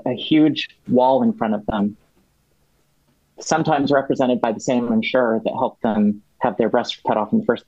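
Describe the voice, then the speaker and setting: A man speaking as a podcast guest, explaining a policy issue in a measured, detailed way with frequent restarts. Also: mid-range voice, darkish tone, no echo. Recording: dull, dry lo-fi sound.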